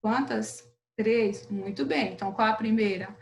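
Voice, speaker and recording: A woman's voice: on the high side, creaky, poor audio. Patient Brazilian woman teaching children. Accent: Brazilian Portuguese. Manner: patient, drawn-out syllables, frequent "beleza?" checks. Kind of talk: recorded remote lesson for children.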